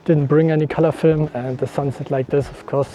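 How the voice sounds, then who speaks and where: A man's voice: fairly high pitch, steady tone, a little fast, dark tone. Chatty man vlogging on a mountain hike. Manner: chatty, self-deprecating, thinking aloud with small laughs. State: out of breath. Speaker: photography vlogger. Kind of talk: casual vlog narration while hiking. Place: outdoors on a mountain trail. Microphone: small action camera.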